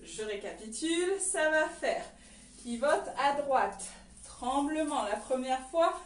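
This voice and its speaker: A woman leads a belly dance class, explaining each move and calling the counts aloud as she dances. Her voice sits high and she talks at an unhurried pace. She is recorded from a distance in an echoey room. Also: animated. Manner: counts and calls steps aloud while dancing. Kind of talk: online dance lesson. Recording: roomy echo, distant from the mic.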